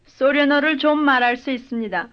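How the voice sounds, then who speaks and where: This recorded language drill features a woman as the model speaker, her voice high-pitched. She responds in complete sentences, careful and measured, and the audio has the dull lo-fi quality of an old lesson tape.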